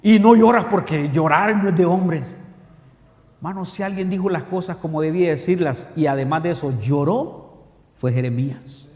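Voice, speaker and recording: A man preaching a sermon, animated and full of rhetorical questions to the congregation. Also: on the high side, normal speed. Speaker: pastor. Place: church hall. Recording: echoey church hall with long reverb.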